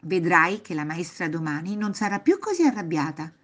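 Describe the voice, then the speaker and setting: A gentle, cheerful old grandmother from a children's storybook talks in a soothing, reassuring way, voiced by a woman reading aloud. Her voice sits low and moves with lively rises and falls. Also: normal speed. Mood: kind.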